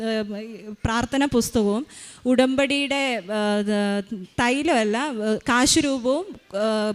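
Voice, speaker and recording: A Malayali woman, a mother, giving a spoken personal testimony in a halting way, with many restarts and fillers. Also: high voice.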